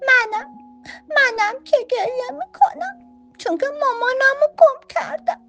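A squeaky weepy baby ant. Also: female voice, fairly even intonation, over music. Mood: sad. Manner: squeaky, tearful, drawn-out wailing. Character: tiny lost baby ant, weepy and small.

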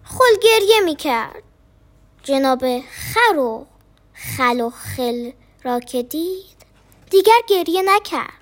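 A woman reading a children's story aloud in a playful, expressive way. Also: high voice.

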